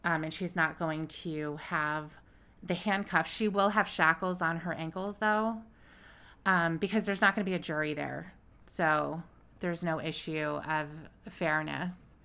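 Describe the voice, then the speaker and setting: A woman co-hosts a casual podcast from home, talking through a court case in a loose, chatty way. Her voice is bright and forward, and it sits a little low for a woman. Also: steady tone, a little slow, vocal fry. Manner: chatty, many fillers and laughs. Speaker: podcast co-host.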